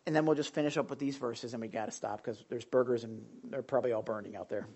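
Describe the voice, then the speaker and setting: A preacher delivering a sermon to a live audience, talking loudly and excitedly, then dropping into hushed, earnest tones. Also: medium pitch, fast. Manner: loud and excitable, swinging between shouting and hushed tones. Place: indoor gathering with a live audience.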